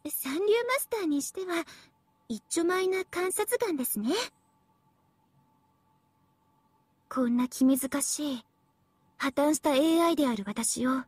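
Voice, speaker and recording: This is a young female AI devil girl voiced for a Japanese anime game, with a very high, sweet, girlish voice and a dry studio sound with no echo. She's smug and playful, talking down to people with mock politeness, and comes across as both bashful and haughty.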